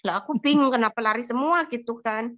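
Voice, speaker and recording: A woman giving a personal testimony in a conversational, animated storytelling manner. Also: fairly high pitch, fairly quick. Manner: animated storytelling, lively acted quotes. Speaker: testimony giver.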